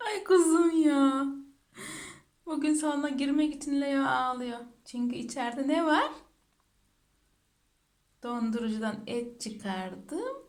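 A woman vlogger at home, coaxing her cats in a sing-song baby-talk voice. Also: high voice. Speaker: pet vlogger. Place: home indoors by a closed door.

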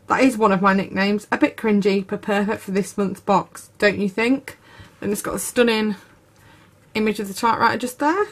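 A woman, narrating a craft unboxing video with gushing enthusiasm. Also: medium pitch. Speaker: craft YouTuber. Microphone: camera over tabletop, speaker off screen.

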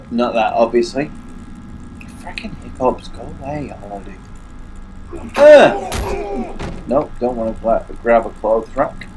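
Slow and sing-song, with frequent pauses, a mid-range voice belongs to a YouTuber from England playing a horror game. He grumbles and mutters casually to himself, congested and hiccuping. The rough recording carries slight background noise.

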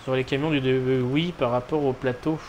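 Guy chatting on a game stream, kinda shruggy and noncommittal, normal pitch, bit of game noise behind. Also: fairly even intonation, brisk, darkish tone, muffled recording. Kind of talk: casual live gameplay commentary. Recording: clear background noise, game ambience.

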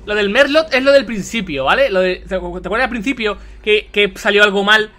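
Excitable young gamer, swearing a lot. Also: male voice, high-pitched, a little fast. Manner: excitable, swearing, repeats himself. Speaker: gaming youtuber. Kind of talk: let's play commentary.

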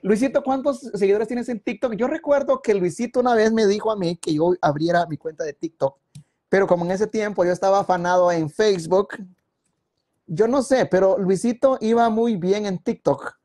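A man's voice: high voice, normal speed, darkish tone. A man chatting casually on a live stream, reading viewer comments aloud and rambling from topic to topic. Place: home, at a computer.

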